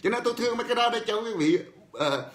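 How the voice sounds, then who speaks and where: A man's voice: very high voice, rapid-fire. Guy hosting a political talk show, chuckles a lot, echoey room. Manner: animated storytelling, chuckles often. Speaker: host. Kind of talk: political commentary monologue. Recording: roomy echo.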